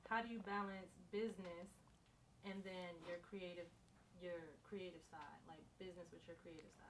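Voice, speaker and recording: A woman interviewing a guest with brief, direct questions and quick acknowledgements. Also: fairly low pitch, flat delivery, background noise.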